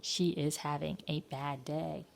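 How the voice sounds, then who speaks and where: A woman reads a picture book aloud to young children in a slow, expressive storytime voice. Her tone is low and a little gravelly. Every line is drawn out carefully. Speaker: librarian reading to children.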